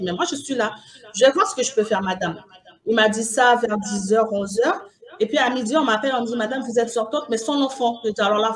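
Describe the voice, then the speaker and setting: A woman giving a personal testimony as a mother, recounting events emotionally, with restarts and quoted dialogue. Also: a little high.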